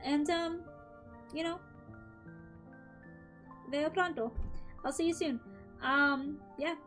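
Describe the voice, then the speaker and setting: A young woman streams between tarot readings, chatting upbeat and casually with viewers as faint music plays. Her voice is high-pitched, a bit bright, fairly even in intonation and slow, with a slightly dry throat, frequent "um"s and light laughs.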